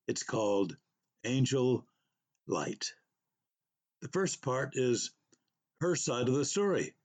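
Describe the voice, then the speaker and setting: A man narrating a personal true story in a slow, unhurried and reflective way. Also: medium pitch, big pitch swings.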